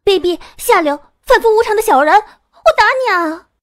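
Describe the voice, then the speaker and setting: A woman's voice: sits high, lively intonation, moderate pace, darkish tone, dry recording, clean studio sound. A woman voicing a nineteen-year-old girl who dotes on her lover and teases him in a sweetly demanding way. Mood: indignant. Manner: teasing, clingy, sweetly demanding. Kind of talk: audio drama acting.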